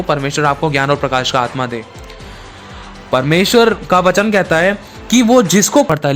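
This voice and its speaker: A man's voice: fairly high pitch, a bit bright. A man preaching a sermon, telling a dramatic story and repeating his phrases for emphasis.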